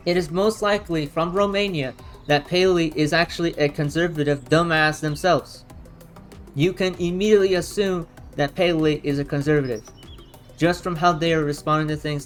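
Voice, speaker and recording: Male reaction commentator: fairly high pitch, argumentative, rambling delivery, light music underneath. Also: fairly even intonation, moderate pace. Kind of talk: unscripted opinion commentary.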